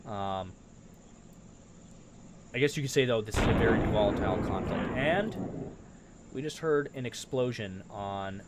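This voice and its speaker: A man's voice: fairly low pitch, measured pace, pauses often, very noisy. A man hosting a live breaking-news stream, reading viewer comments aloud and talking unscripted with frequent fillers. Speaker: livestream news host.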